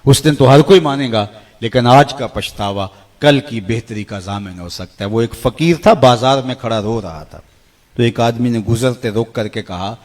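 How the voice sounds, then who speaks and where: A middle-aged male preacher giving an emotional sermon. His voice swings from soaring cries to hushed lows, and he chants verses slowly.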